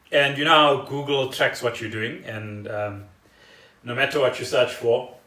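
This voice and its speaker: A South African man co-hosts a podcast, explaining things in a casual, rambling way. His mid-range voice sounds pushed and bright, picked up by a distant mic in an echoey room.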